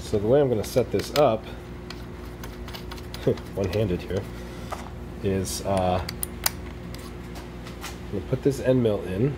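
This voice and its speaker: A man's voice: lowish voice, slow, pauses often. Chatty man explaining in a noisy workshop. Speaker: DIY video host. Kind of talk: casual workshop how-to narration. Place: home garage workshop.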